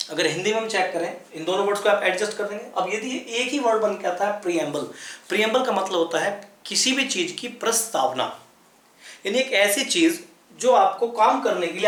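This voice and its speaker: A man explains English vocabulary in Hindi in a repetitive, classroom manner. His voice sits high for a man. The room adds a noticeable echo. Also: a bit bright. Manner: repetitive, explanatory, spells words letter by letter. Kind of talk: explaining lesson in Hindi at a chart.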